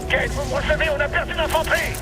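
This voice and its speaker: A soldier on helmet radio. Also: male voice, very high-pitched, steady tone, very fast, loud music behind the voice. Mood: urgent. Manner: urgent, repeated radio calls. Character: soldier calling for backup over radio. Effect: heard through a helmet radio. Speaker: video game character.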